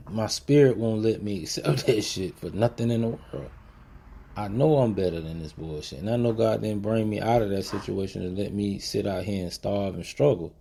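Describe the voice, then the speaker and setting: A man tells his own story straight to the listener, blunt and heavy with cursing. His low, gravelly voice stays dark and mellow as he pushes his point home. He leans into encouragement like a podcast host talking to his regulars. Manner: emphatic, blunt and profane, turning motivational. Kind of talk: personal storytelling monologue.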